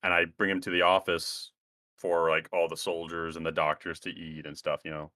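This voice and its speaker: A man with a very low voice and a bright, forceful edge, rambling and joking crudely in casual podcast chat. The sound is dry and close. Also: completely flat delivery, moderate pace, no echo. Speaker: podcast co-host.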